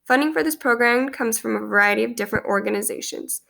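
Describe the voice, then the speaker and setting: Sitting in a small room, a student in her twenties reads her class presentation earnestly to a webcam placed close by, her nose stuffed up from a cold. She talks fast in a high-leaning voice that is pushed and bright, with vocal fry.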